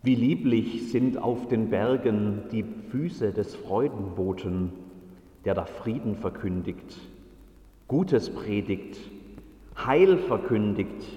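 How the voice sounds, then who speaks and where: A man's voice: mid-range voice, warm tone, muffled recording. A man preaching a sermon, reading scripture and telling the story in a solemn, dramatic way. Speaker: pastor. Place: church. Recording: echoey church with long reverb.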